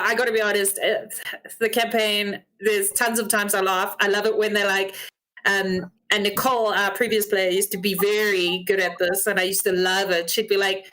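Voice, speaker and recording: A woman's voice: medium pitch, bright, forceful tone, rough recording. A South African woman who runs a tabletop game, chatting enthusiastically about funny moments. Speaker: game master. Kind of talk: casual chat.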